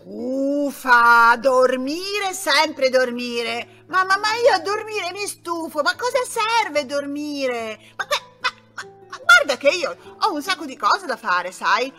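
Little boy figure, woman narrator puts it on, whiny, loud, high and lively, storybook. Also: slow pace, faint music behind, heavily acted. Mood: whiny stubborn. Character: stubborn little boy who won't sleep.

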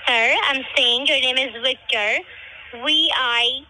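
A woman's voice: high voice, steady tone, slow pace, sharp tone. A woman working as a call center agent who keeps patiently repeating set phrases. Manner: repeats "all right", patient, formulaic. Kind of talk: scripted customer service call. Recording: phone line with background noise.

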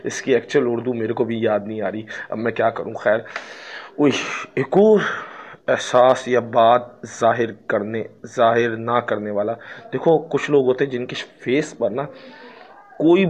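A man with a Pakistani Urdu accent teaching English in a casual spoken lesson, drawing out example sentences and joking between them. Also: mid-range voice. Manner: slow, drawn-out English example sentences, jokey asides.

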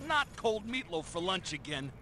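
Brief: a jittery townsman, high voice, muttering worries, game audio with heavy noise. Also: very animated, moderate pace, bright, forceful tone, heavily acted. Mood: fretful. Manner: fretful, muttering to himself.

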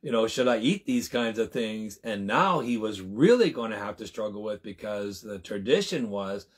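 A preacher in his sixties gives an informal Bible teaching in a small room at home. His husky, lowish voice is animated, and his conversational delivery is halting, often repeating and rephrasing.

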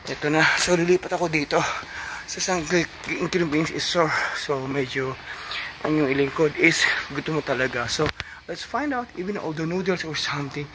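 Walking through a city at night and into a convenience store, a middle-aged Filipino vlogger and overseas worker films himself with a phone at arm's length. He speaks at a moderate pace in a slightly high voice, switching animatedly between Tagalog and English with loud, cheerful greetings. Street traffic is loud in the background.

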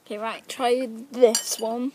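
A woman's voice: fairly high pitch, fairly even intonation, slow, a little mellow, slight background noise. A woman chatting casually outdoors as an off-camera quiz helper, with a teasing manner. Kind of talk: casual chat. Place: outdoors in a back garden.

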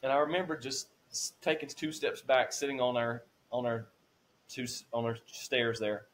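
With a mid-range voice at normal speed, a man in his forties tells his personal faith story as a podcast guest. He speaks earnestly, and his voice climbs when he's moved.

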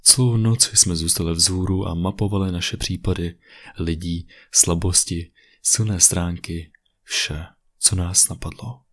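Male creepypasta narrator, low and husky, steady read. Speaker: storyteller. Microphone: USB condenser mic.

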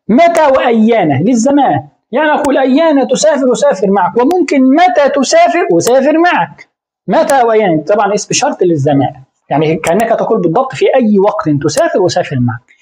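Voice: medium pitch, darkish tone. A grammar teacher explaining a lesson, tossing out rhetorical questions and answering them, repeating key terms again and again.

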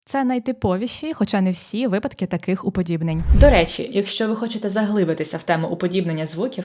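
A woman teacher explaining exam phonetics, pronouncing sample words slowly and walking through each rule step by step. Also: mid-range voice, darkish tone. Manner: dictating sounds slowly, explaining rules step by step. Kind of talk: exam prep lesson.

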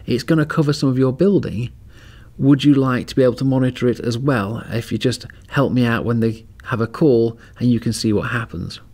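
This casual product demo and advice talk comes from a man hosting a podcast, speaking a little fast in a mid-range, slightly mellow voice. He walks through a home security camera setup, starting outside on the driveway at home before heading inside.

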